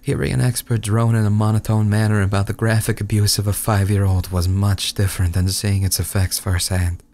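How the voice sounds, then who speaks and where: Deep, gravelly man reading a dark story. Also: level tone. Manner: brooding, hushed, halting delivery with dramatic pauses. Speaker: narrator reading a horror short story. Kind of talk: dramatic first-person story reading. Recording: music bed under the voice. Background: background music.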